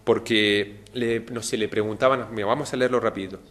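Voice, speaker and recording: A man preaching a televised sermon, speaking straight to his listeners and acting out the quoted lines with lively jumps in pitch. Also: a little fast. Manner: animated, acts out quoted lines with rising pitch; addresses the audience directly.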